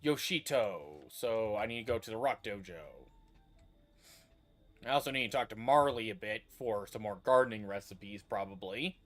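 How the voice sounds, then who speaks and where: A man's voice: on the low side, expressive, normal speed, soft background music. A man streaming a video game, talking casually and thinking aloud with meandering restarts. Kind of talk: casual livestream commentary.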